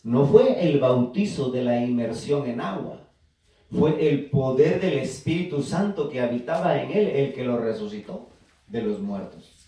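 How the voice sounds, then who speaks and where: A man preaches a sermon to his congregation, teaching and asking them to respond. His mellow, medium-pitched voice is expressive and measured in pace. The recording comes from far off in an echoey church room.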